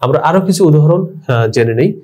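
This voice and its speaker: A man teaching an online lesson, spelling out letters one by one and repeating each word with patient care. His voice sits a little high for a man but sounds soft and mellow. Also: expressive, fast. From Bangladesh. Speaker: Urdu language teacher.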